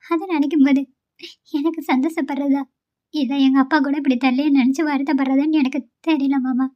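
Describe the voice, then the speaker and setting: A woman voicing a gentle, polite young daughter-in-law in a cartoon. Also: high-pitched, steady tone, fast talker, natural voice. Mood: tearful. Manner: soft, polite, humble. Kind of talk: amateur cartoon voice acting. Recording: dull lo-fi sound.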